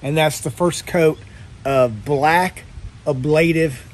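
A man's voice: a little high, takes it slowly. A middle-aged man in a boatyard, talking plainly through a hands-on boat repair as he works under the hull. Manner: plainspoken, hands-on explaining while working. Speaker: boat owner showing repair work. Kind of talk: casual how-to narration.

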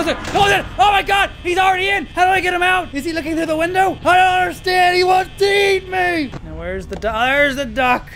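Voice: mid-range voice, a bit bright, a little hiss or hum. A performer voicing a tusked walrus character who hosts game videos and yelps and shrieks at the game in playful commentary. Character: excitable tusked walrus gamer. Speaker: gaming video host. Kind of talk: let's play commentary.

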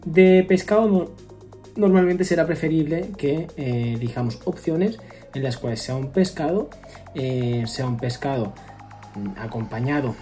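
A man in his thirties explains food choices on his home webcam, warm and mellow in tone. He pauses on fillers and restarts words mid-thought. Faint music plays softly behind him. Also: medium pitch. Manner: explains step by step, frequent fillers and self-corrections. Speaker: nutrition vlogger. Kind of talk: casual explanatory vlog. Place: home room with wooden ceiling, indoors.

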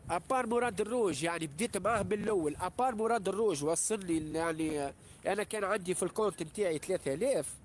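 On a live stream, a man with a high voice and a Tunisian accent delivers an angry rant full of insults, boasting, repetition and heavy swearing. There's slight background noise.

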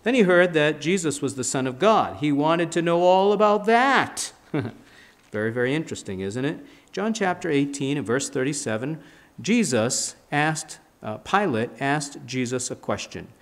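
Animated man preaching from a pulpit. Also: fairly high pitch, normal speed. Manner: animated, emphatic preaching with sweeping gestures. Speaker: pastor. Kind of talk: sermon. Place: church sanctuary, standing at a pulpit. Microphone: pulpit mic, filmed by a fixed camera.

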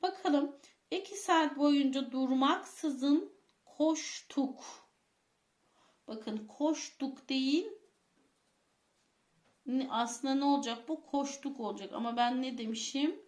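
A woman with a high, slightly mellow voice teaches grammar to schoolchildren slowly, with long pauses, in a roomy-sounding space. She addresses the pupils as friends, quizzes them with questions and repeats the key points.

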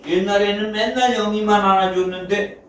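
A woman narrating a children's puppet show, talking slowly and asking the little audience questions. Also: mid-range voice, steady tone, highs cut off, a little hiss or hum. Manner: slow, sing-song, asking the children questions. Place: large hall at a daycare. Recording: echoey hall, from far off.

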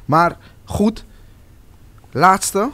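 A man's voice: sits high, animated, drawn-out words, pushed and bright, no echo. A man, hosting a casual discussion in colloquial, slangy speech and repeating phrases for emphasis. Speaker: podcast host. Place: table in an open indoor café-like room. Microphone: close podcast microphone on a stand.

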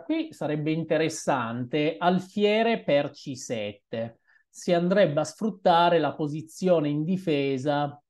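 Sitting at a desk in a small room with a webcam recording, a young man thinks aloud about his chess game in a slow, musing way, with hesitant asides. He streams chess, and his voice is a little high and a little mellow.

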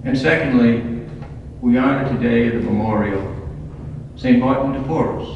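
A priest, a man, reading scripture and preaching at Mass in a solemn, deliberate way, in short phrases. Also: medium pitch. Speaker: priest, homilist. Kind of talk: Gospel reading and homily at Mass. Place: large reverberant church. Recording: echoey cathedral-like hall, distant, dull, faint noise.

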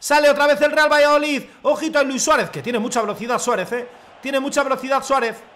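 A young man, commentating his own football video game match in the style of a TV commentator and bursting into long shouted goal calls. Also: very high-pitched, steady tone, fast talker, a little hiss or hum. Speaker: gaming youtuber playing a football career mode. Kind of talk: excited self-commentary while gaming.

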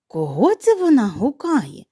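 Hedgehog, voiced by a woman narrator: small shy male critter, earnest and fretful, soft lifted tone, kids' audio tale. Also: fairly high pitch, huge pitch swings, a little slow, husky, exaggerated voice. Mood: gentle. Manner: gentle, worried, earnest. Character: kind, timid little male hedgehog.

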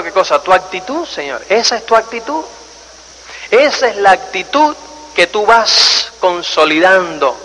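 A man with a high, bright voice gives a motivational seminar. He acts out little scenes and keeps asking his listeners questions. His voice carries a long hall reverb over faint background noise. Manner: animated storyteller, acts out scenes and asks the audience rhetorical questions. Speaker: motivational speaker. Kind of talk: live seminar talk to an audience.

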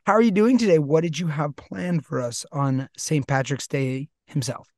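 A man's voice: fairly high pitch, normal speed, dry recording. A man co-hosting a podcast in casual chat, playful and jokey, from North America. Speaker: podcast co-host.

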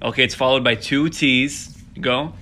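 A woman voicing a gruff, low-voiced man who quizzes her letter by letter, amused and bossy. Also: steady tone, unhurried, noisy background.

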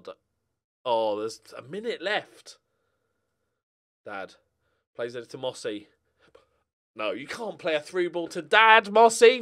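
This streamer, a middle-aged man, swears his way through a football manager game, talking casually to his squad and his audience. His voice is a little high, sounding pushed and bright, and he's close to a desk mic.

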